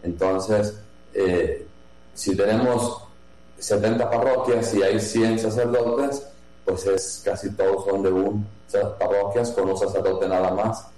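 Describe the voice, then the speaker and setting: A man from Jalisco, a priest who runs a seminary, answering interview questions slowly, with many pauses, fillers and restarts. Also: lowish voice, steady tone, mellow. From Mexico, Jalisco. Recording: echoey room with mains hum.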